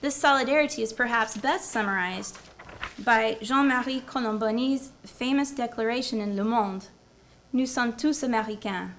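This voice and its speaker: A woman professor speaks at a university symposium, her fairly high voice carrying a gravelly edge. She lectures from a prepared talk, then turns to quiz the room and echo back their answers. Faint noise hums behind her in the lecture room. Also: moderate pace, fairly bright tone. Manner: engaging, quizzes the audience and repeats their answers. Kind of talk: academic presentation with audience quiz. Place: lecture room before a live audience.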